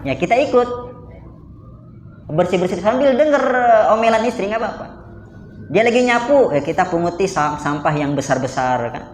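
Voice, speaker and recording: A man's voice: high-pitched, slight background noise. Echoey Indonesian man preaching animatedly. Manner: asks the audience questions and answers them himself. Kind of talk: lively sermon. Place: mosque hall.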